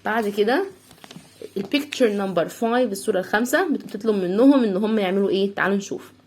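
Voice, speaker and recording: A woman's voice: mid-range voice, darkish tone, slightly rough. Egyptian woman teaching, spelling out sounds. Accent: Egyptian Arabic. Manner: sounds words out slowly, repeating syllables. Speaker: English teacher. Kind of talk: kindergarten English lesson.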